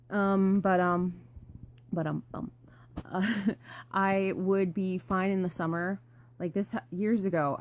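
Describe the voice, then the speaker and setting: A woman's voice: sits low, a little mellow. A young adult woman rambling casually in a vlog, full of ums and likes. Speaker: vlogger.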